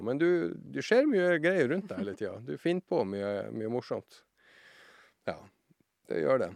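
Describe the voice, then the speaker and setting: A man telling a funny story as a podcast guest, acting out voices and shouting some lines. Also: medium pitch, dry recording, studio quality. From southern Norway. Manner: animated anecdote-teller, acts out voices and shouts. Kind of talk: casual storytelling.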